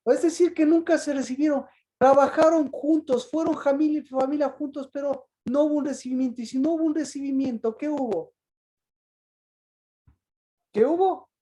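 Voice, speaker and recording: A woman's voice: sits high, mellow, rough recording. A woman preacher giving an interactive sermon, asking the congregation questions over and over and acting out the voices she quotes. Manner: asks the congregation repeated questions; acts out quoted voices with rising emphasis.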